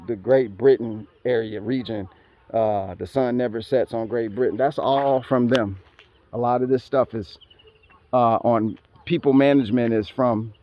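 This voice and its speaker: A male vlogger of Philippine heritage who was raised elsewhere rambles through a casual monologue outdoors, full of street slang and asides. His voice sits mid-range, with no echo but dull audio. He even talks back to animals along the way.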